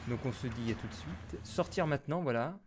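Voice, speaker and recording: A man's voice: medium pitch, lively intonation, fairly quick, noisy background. A man giving casual let's-play commentary, muttering to himself and grumbling in puzzlement as he plays. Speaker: gamer streamer.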